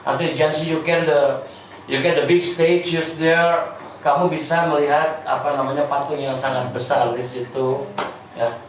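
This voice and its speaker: A man with a Sundanese accent teaching an informal class, chatty and halting, often repeating words. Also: a little high, steady tone. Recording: echoey room, distant mic, faint noise.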